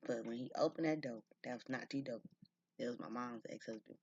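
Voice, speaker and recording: Here a vlogger in his thirties shares something from his own life, talking casually and leaning on "like" and "y'all" constantly. His medium-pitched voice is darkish and breathy, moving a little fast, captured in a dull, dry lo-fi recording with no room sound.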